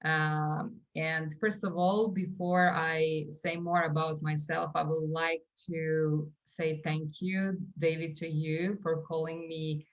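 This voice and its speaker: Earnest low-voiced Serbian woman in her forties. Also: flat delivery, slow, few pauses, highs cut off. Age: 40s. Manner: earnest, with frequent fillers and restarts. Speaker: guest, holistic wellness coach. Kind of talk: conversational podcast interview.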